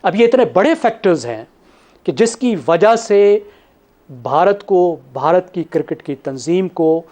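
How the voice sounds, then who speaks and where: Methodical man with a mellow voice. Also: high voice, expressive, unhurried. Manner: methodical, counts points in order. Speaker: analyst. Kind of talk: measured panel analysis.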